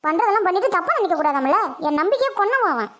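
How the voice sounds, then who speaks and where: A performer voicing a fierce, quick-tempered village mother in a cartoon, talking in a sharp, scolding, indignant way. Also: very high voice, sing-song, full character voice. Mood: angry. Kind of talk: cartoon voice acting.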